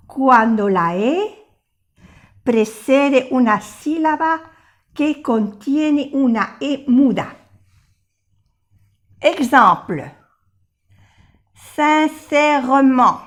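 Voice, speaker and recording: An older woman teaching a language lesson, patiently explaining and repeating each example word slowly. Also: fairly high pitch.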